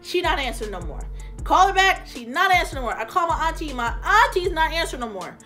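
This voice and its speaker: A woman's voice: sits high, quick pace, faint music behind. A young woman from California vlogging a storytime, talking in a slangy way and acting out the dialogue. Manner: animated, slangy, acts out quoted dialogue. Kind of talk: storytime vlog retelling.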